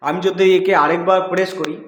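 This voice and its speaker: A man's voice: high voice, level tone, fast. A man demonstrating a gadget step by step, speaking into a clip-on wireless mic in an empty room with strong echo. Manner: explains step by step, often asks "okay?". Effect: strong echo of a bare empty room. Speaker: gadget reviewer. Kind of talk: product demo video.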